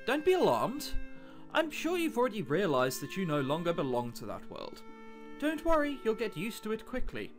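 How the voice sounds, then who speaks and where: A man reads visual novel dialogue as a kind, comforting female shadow ghost, with music playing in the background. His voice sits high and swings widely in pitch at a normal speed, and the tone is gently reassuring.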